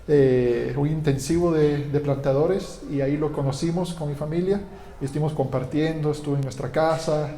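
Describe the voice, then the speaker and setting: A man's voice: fairly high pitch, steady tone, normal speed, dark tone, slight background noise. A man from Guatemala, a pastor, giving a conversational sermon with frequent fillers and restarts. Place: church hall. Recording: echoey church hall with long reverb.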